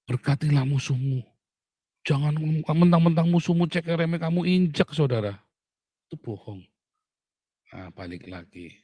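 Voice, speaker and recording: Animated preacher man. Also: moderate pace, pauses often, no echo. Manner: animated, mocking, swings from loud outbursts to low asides. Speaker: pastor. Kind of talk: sermon.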